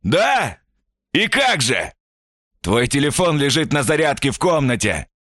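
A man's voice: a little high, very animated, a little slow, fairly bright tone, dry recording, studio quality, voice pushed up. A raving madman muffled behind a door. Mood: raving, threatening. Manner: screaming, raving threats. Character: hysterical, menacing man shouting threats from behind a door. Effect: muffled, heard through a closed door. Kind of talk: horror audiobook narration.

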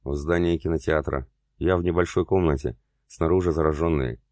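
A man voicing a frightened male survivor in an audiobook, speaking in a hushed and halting way. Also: a bass voice, steady tone, no room sound, clean studio sound. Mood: tense.

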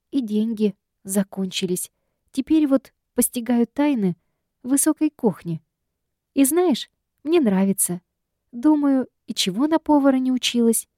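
A woman voicing a flustered young woman, a meek, chattering younger sister who squeaks her words. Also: dark tone, no echo, studio quality.

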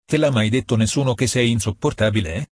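A man's voice: medium pitch, brisk, breathy edge, no room sound, studio quality, lightly acted. A teasing young woman, as a male reader puts her on. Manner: teasing, mocking. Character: teasing playful young woman, mocking and bold.

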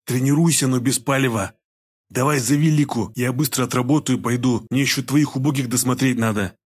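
A man's voice: mid-range voice, steady tone, fairly quick, husky, natural voice. A man voicing a shrewd healer of a gang who gives curt, hissing orders. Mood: impatient.

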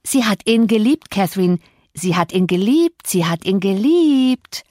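A woman's voice: medium pitch, lively intonation, moderate pace, dry recording, studio quality, lightly acted. A woman playing a sickly, whining teenage boy. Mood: taunting. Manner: whiny and taunting.

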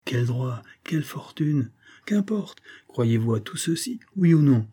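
A man voicing an impatient, agitated young gentleman who fires off sharp, demanding questions. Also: medium pitch, very animated, measured pace, breathy edge, pitched above the performer's own voice. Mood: indignant.

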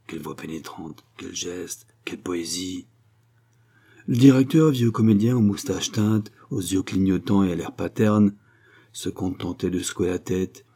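A man narrating a novel in a measured, expressive reading. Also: on the low side, breathy edge. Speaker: audiobook narrator. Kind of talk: scripted narration.

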